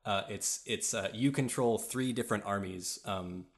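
Chatty low-voiced man rambling about games. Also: moderate pace. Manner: rambling, filler-heavy, laughs often. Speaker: podcast co-host. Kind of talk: casual chat. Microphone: podcast mic.

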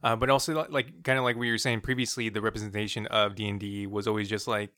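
A man co-hosting a casual podcast chat who cuts in with quick jokes. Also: lowish voice, little pitch movement, sharp tone, dry recording. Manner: quick, joking interjections. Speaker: podcast co-host.

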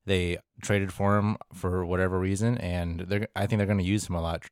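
Very deep-voiced man, laid-back co-host. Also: flat delivery, normal speed, clear, resonant tone, no echo, clean studio sound. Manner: easygoing, joking, hedges with fillers. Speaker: podcast co-host. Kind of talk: casual fantasy football chat.

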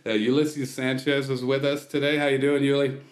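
A man hosting a podcast interview, relaxed and conversational with some fillers. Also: mid-range voice, fairly quick, reverberant. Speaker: podcast host.

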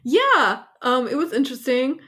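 A woman in her thirties speaks as a guest in a relaxed interview. Her voice sits a little high, and her talk is chatty and loose, full of fillers and easy laughter. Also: moderate pace. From born in Hungary, grew up partly in New York and Montreal. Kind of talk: casual interview chat.

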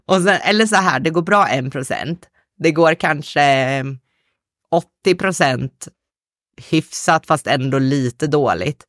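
A podcast co-host chats casually with a gloomy, wry and self-mocking manner. The voice sits at an ordinary pitch, and the sound is close and dry. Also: a bit bright, dry recording. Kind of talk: casual chat.

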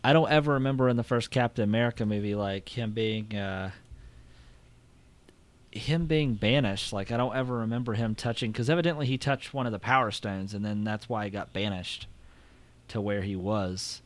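A man with a fairly low voice guides a relaxed film chat with friends. He rambles and hesitates, filling gaps with "uh" and "like" as he works through his thoughts. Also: normal speed. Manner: rambling, hesitant with many fillers. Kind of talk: casual movie discussion.

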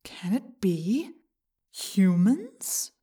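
A woman voicing a sneering alien parasite that speaks inside a boy's head, hushed and slow. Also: mid-range voice, sing-song, breathy edge, full character voice. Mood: wondering.

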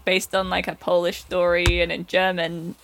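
A woman with a lowish voice chats casually about a film on a podcast. She talks loosely, with plenty of fillers, and laughs easily between thoughts. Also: monotone, moderate pace, creaky, background noise. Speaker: podcast co-host.

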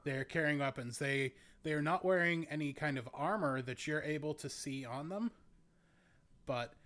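A man narrating a tabletop game as game master, describing scenes in a halting, searching way. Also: a little high, a bit bright.

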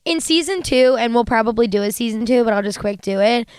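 A woman's voice: fairly high pitch, animated, quick pace, smooth, no room sound, studio quality. A woman in her thirties co-hosting a podcast, chatting casually and gushing, with plenty of swearing. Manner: gushing, profane, chatty storytelling. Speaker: podcast co-host. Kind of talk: casual chat.

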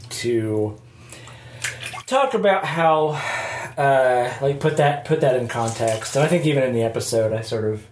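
Slow, halting man in an echoing bathroom. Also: medium pitch. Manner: halting, rambling, informal. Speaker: podcast host. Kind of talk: casual solo podcast monologue. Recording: echoey bathroom, faint background noise. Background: faint noise, sounds of shaving at sink.

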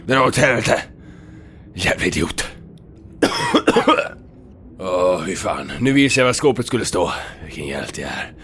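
A man's voice: sits low, huge pitch swings, pauses often, a bit bright, slight background noise, full character voice. An actor playing a brash, foul-mouthed male hero in a video game, boastful, profane and given to talking to himself. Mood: muttering, cocky.

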